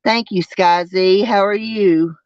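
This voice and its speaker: Slow, twangy Southern US livestreamer, unclear recording. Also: mid-range voice, steady tone, no room sound. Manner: halting, repeats phrases. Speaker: livestream host. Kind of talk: casual livestream chat. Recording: dull lo-fi sound.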